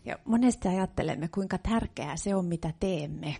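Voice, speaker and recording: Gravelly, husky woman interpreting a sermon. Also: fairly low pitch, mellow. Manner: relays each phrase right after the preacher.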